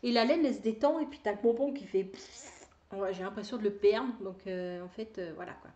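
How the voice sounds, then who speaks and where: A woman's voice: medium pitch, brisk, warm tone. A woman hosting a knitting video podcast, chatting casually to camera in a rambling way with many fillers and laughing at herself. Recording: roomy echo.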